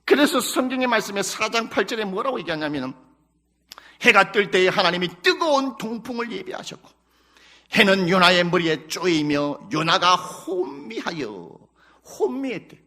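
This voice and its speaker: A man's voice: sits high, sing-song, moderate pace, bright, forceful tone. A male pastor preaching a sermon in a Chungcheong Korean accent, emphatic, breaking into dramatic acted prayers and quotes.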